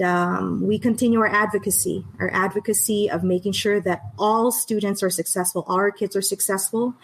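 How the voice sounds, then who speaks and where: A woman in her fifties speaks earnestly as a guest on a video call, her voice sitting at an ordinary middle pitch. She talks about her work at length and laughs easily between thoughts. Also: a little hiss or hum, poor audio. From Philippines. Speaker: education director and guest. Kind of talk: casual interview over a live stream.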